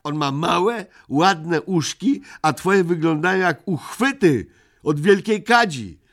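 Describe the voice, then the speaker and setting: A man's voice: a little high, lively intonation, slow pace, voice pushed up. A man voicing a prim young female creature who speaks indignantly and scornfully.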